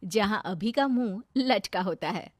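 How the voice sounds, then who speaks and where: A woman narrating a cartoon family story in a calm, plain storytelling manner. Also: mid-range voice, a little slow, no room sound.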